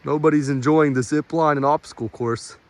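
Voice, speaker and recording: A man's voice: on the high side, fairly even intonation, brisk, a little mellow. A man narrating his vlog casually, with informal, colloquial phrasing. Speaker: vlogger. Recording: faint ambient vehicle noise. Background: faint ambience, vehicle sounds.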